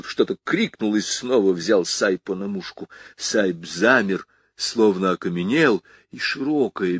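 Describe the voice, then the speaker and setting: A man narrating a hardboiled crime novel in the first person, measured and even. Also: fairly low pitch, dry recording. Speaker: audiobook narrator.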